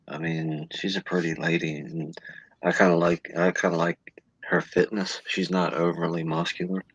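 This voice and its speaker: Gravelly, low-voiced man chatting casually. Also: a bit bright, no echo, low-quality recording. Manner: rambling, laid-back opinions with restarts. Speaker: podcast co-host. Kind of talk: casual chat.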